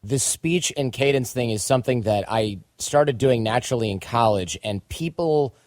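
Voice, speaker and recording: A man's voice: mid-range voice, normal speed, a little mellow, dry recording, clean studio sound. A man hosting a podcast interview, asking questions in a casual, chatty way with joking asides. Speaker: podcast host.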